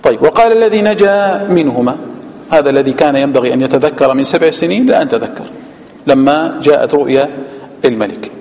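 A man's voice: a little high, expressive, fast, a little mellow, a little hiss or hum. A man with a Levantine Arabic accent, a sheikh giving a Quran commentary lesson, explaining word by word and quizzing his listeners with rhetorical questions. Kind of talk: mosque lesson explaining scripture. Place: mosque hall. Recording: long hall reverb, dull lo-fi sound.

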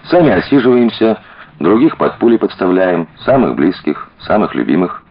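A man's voice: low-pitched, big pitch swings, normal speed, husky, exaggerated voice. A man playing an earnest young detective. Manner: earnest, fervent, plain-spoken. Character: earnest young male detective, devoted and tender. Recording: dull lo-fi audiobook recording.

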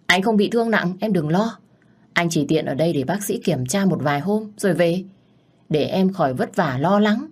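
A woman voicing a tender, playful young husband, speaking softly and affectionately. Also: lowish voice, lively intonation, normal speed, husky.

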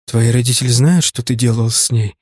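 A man's voice: mid-range voice, steady tone, brisk, a little mellow, no room sound, clean studio sound, pitched below the performer's own voice, natural voice. A man voicing a frightened young woman in an audiobook, pleading urgently. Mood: defiant.

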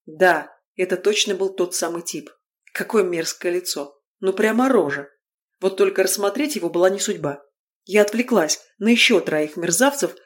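A woman narrating a fantasy novel in the first person, telling it in a wry, lively way. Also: on the low side. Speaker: audiobook narrator.

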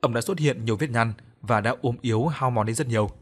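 A man reading a ghost story aloud in steady, measured scripted narration. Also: mid-range voice.

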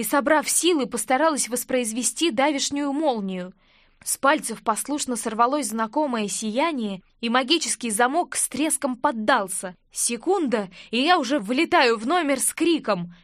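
A woman reading a first-person fantasy audiobook in a lively, expressive way. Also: on the high side, dry recording, clean studio sound. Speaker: audiobook narrator.

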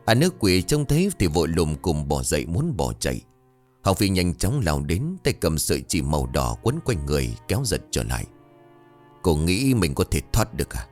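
A man reading a ghost story aloud in a dramatic, expressive way. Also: rumbling low, a little fast, soft background music. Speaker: narrator.

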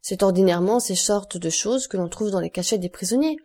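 A woman reads a grave male nobleman, once a sailor, who speaks with solemn earnestness. The audiobook voice is warm and dark-toned. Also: medium pitch, fairly quick, lightly acted. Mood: earnest. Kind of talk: audiobook character voice.

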